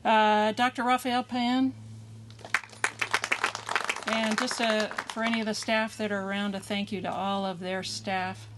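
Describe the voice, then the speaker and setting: A woman's voice: medium pitch, level tone, unhurried, long pauses, a loud crowd. Woman emceeing an outdoor ceremony. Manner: casual, with fillers. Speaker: board member emceeing a dedication ceremony. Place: outdoor county park. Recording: noisy outdoor recording.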